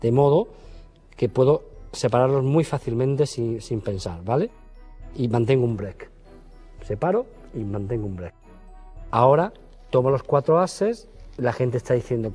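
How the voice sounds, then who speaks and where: A man walks through a card routine in relaxed, chatty speech. His voice is mellow and warm, and he jumps into higher voices when acting out his patter. Faint music plays behind him. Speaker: magician teaching a card routine. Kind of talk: casual spoken magic lesson.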